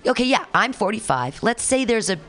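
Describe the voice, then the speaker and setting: A woman's voice: on the high side, very animated, brisk, fairly bright tone, soft background music. Frank, crude-joking woman in her forties. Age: 40s. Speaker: podcast co-host. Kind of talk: casual chat.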